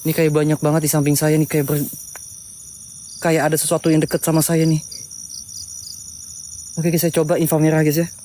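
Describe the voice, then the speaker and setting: A man's voice: a little high, completely flat delivery, brisk, pauses often, warm tone. An Indonesian man hosting a ghost-hunting vlog outdoors, nervously commenting and muttering prayers as he goes. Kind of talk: live paranormal exploration commentary. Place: outdoors at night among trees. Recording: noisy outdoor recording with night insects. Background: crickets and insects.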